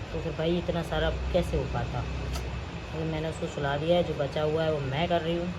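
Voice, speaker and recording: A woman in her thirties vlogging casually at home at night, chatty and rambling, her throat slightly hoarse. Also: on the low side, noisy background. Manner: chatty, rambling, addresses viewers as guys. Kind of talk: casual chat to camera.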